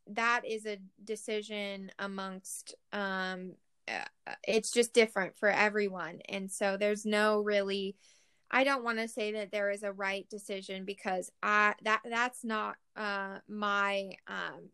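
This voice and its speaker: A woman's voice: medium pitch, bright, forceful tone, smooth. A woman hosting a podcast interview, talking earnestly with many fillers and restarts. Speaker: podcast host. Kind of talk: conversational interview.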